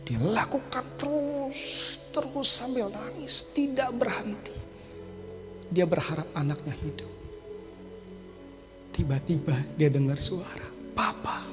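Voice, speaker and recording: A man's voice: sits high, slow pace, pauses often, in a large hall, music in the background. A male pastor delivering a sermon, telling a story dramatically and dropping in English phrases.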